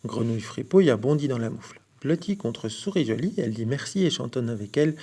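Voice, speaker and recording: A male storyteller reads a children's picture book with a lively, swooping lilt and a mellow, gravelly tone. He plays with the sound words, whispering and drawing them out. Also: medium pitch, fast talker. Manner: expressive, lilting sound effects. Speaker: library storyteller.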